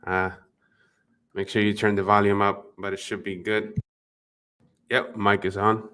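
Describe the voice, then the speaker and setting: Hosting a casual live marketing webinar from his office, a Spanish-accented marketing coach and livestream host greets viewers by name and leans on lots of fillers. His fairly low voice keeps a level tone at a measured pace, sounding sharp and clean through a desk microphone at his computer.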